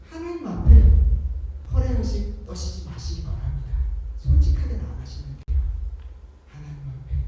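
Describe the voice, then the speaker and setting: A male pastor preaching a sermon, asking the congregation questions and swinging between loud calls and hushed words. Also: high voice, a little hiss or hum. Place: church sanctuary. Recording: distant echoey sanctuary, dull sound.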